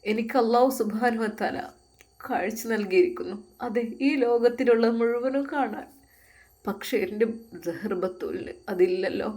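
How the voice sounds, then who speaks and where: A woman's voice: fairly high pitch, normal speed, darkish tone, lightly acted. Woman doing a tearful young cleric, pleading prayer, storybook. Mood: grieving plea. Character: young male religious teacher, tearful and devout.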